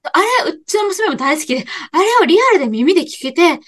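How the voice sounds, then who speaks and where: A middle-aged woman chats on a podcast in a high, bright voice that leaps up and down. She talks fast and tells her story with animated energy, laughing along the way. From Tokyo, Japan. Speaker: podcast co-host. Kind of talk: casual chat.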